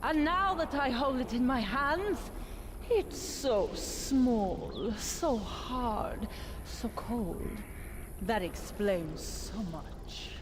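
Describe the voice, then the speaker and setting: Game villainess: proud, unhinged, higher-pitched, unhurried theatrical menace. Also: female voice, lively intonation. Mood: gloating menace. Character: menacing villainous woman, proud, unhinged, believes herself a goddess. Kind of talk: dramatic video game voice acting. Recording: loud ambient noise behind voice.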